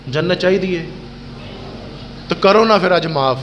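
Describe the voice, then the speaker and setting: A middle-aged male preacher tells a religious story in an impassioned, chatty sermon style. His voice sits fairly high for a man. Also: fairly bright tone, lo-fi sound, slight background noise. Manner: impassioned, colloquial storytelling with acted quotes. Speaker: Islamic preacher.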